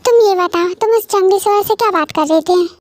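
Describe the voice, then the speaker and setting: A woman's voice: extremely high pitch, quick pace, no echo. A woman voicing a jealous, short-tempered young man who answers curtly and sarcastically, in a storybook reading. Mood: angry. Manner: curt, sulky and sarcastic. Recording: faint music underneath. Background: soft background music.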